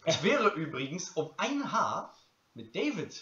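A man's voice: a little high, huge pitch swings, unhurried, sharp tone. A young man chatting casually with a group of friends. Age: young adult. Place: living room with a group. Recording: dull, echoey room, distant mic.

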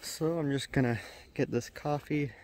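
A man's voice: medium pitch, moderate pace, rough recording. A young man casually narrating his solo camping trip outdoors, rambling with lots of "uh" fillers. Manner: relaxed, rambling with many "uh" fillers. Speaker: camping vlogger. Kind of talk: casual self-filmed vlog narration. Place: outdoors at a forest campsite in winter.

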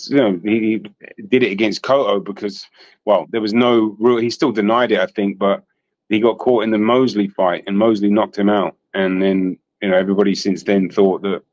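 A man's voice: on the low side, fairly even intonation, normal speed, darkish tone, dry recording. English guy, 30s, guest on a muffled dry video call, chatty, casual boxing talk. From England. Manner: chatty, trailing restarts, says bro and mate. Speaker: guest boxing channel host. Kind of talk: casual chat. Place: small room indoors. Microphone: video call webcam. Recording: dull lo-fi call audio, dry.

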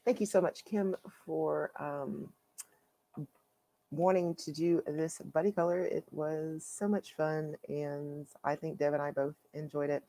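Low, mellow woman host, unhurried, casual show-and-tell chat. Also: flat delivery. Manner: chatty, halting with fillers. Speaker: coloring channel host.

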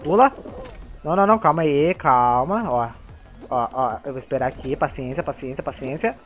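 A man with a Brazilian accent giving excitable gameplay commentary, laughing often and talking to the other players. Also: medium pitch, normal speed, soft background music. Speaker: gamer.

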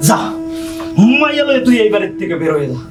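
A man's voice: sits high, big pitch swings, quick pace, over music. A man playing a drunken raging husband. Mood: drunken rage. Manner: shouting, insulting. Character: drunken abusive husband, young adult. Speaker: actor. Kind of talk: television drama acting.

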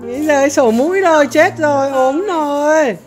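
A woman's voice: high voice, moderate pace, over music. A woman chatting casually in a family vlog, cooing to a baby. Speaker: vlogger.

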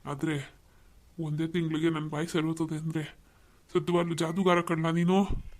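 A man voicing a grateful older man who is slowly getting his speech back, talking haltingly in a cartoon. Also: on the high side, flat delivery, lightly acted. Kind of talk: cartoon voice acting.

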